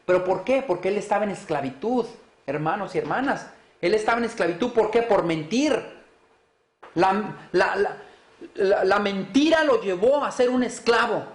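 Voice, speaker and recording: A man's voice: lively intonation, normal speed. Echoey preacher man, emphatic questions. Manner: rhetorical questions, rising to emphatic high peaks. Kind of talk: sermon.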